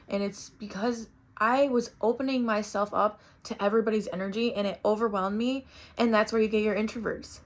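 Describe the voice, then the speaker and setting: Rambling woman with a gravelly voice. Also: medium pitch. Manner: rambling, restarts often, swears casually. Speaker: vlogger. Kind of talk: casual personal monologue.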